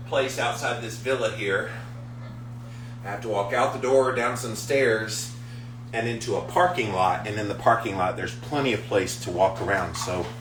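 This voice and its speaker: A man vlogging live in a casual, upbeat way, talking to his viewers in halting short phrases. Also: mid-range voice. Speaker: vlogger livestreaming a daily ice bath challenge. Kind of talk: casual chat to livestream viewers. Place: villa on vacation, in and around bathroom. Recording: background noise, sometimes echoey small room.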